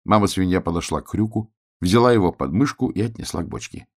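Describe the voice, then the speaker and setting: A man narrating a children's storybook in an expressive, animated read-aloud style. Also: sits low, fast, husky.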